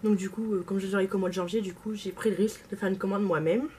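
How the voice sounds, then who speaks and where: A woman's voice: medium pitch, steady tone, fast talker, darkish tone, a little hiss or hum. A young woman vlogging casually about her makeup purchases, gushing and repeating words for emphasis. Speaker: beauty vlogger. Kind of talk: casual haul video chat.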